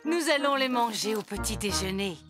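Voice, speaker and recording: A woman voicing a kindly grandmother pig in a children's cartoon, gently and fondly explaining things. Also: medium pitch, expressive, normal speed, natural voice. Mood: gentle. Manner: gentle, fond, instructive. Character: kindly grandmother pig who keeps hens. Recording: loud music under the voice.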